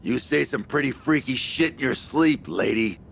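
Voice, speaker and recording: Gravelly, irritable fighter. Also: male voice, mid-range voice, normal speed, a bit bright, a little hiss or hum. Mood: sardonic, impatient. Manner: blunt, sardonic, impatient. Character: gruff, irritable, cynical male fighter, blunt and impatient. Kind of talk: video game voice acting. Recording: music behind the voice.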